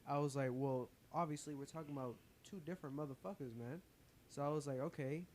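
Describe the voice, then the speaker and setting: A man's voice: fairly high pitch, quick pace, darkish tone. A man co-hosting a podcast, telling a story in an exasperated, heavily profane way. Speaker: podcast co-host. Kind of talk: casual storytelling. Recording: faint background noise.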